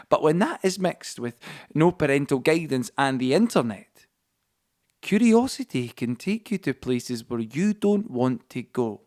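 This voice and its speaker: A music score underlies this audio-play monologue, where a man voices a young Scottish narrator sharing a story in a casual, confiding way. His pitch is medium and slightly mellow.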